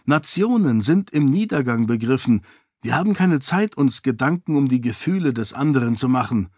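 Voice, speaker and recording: A man reading an audiobook, voicing a determined young noblewoman who talks in a brisk, insistent way. The recording is dry. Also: mid-range voice, expressive, a little mellow, no room sound, lightly acted. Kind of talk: audiobook character voice.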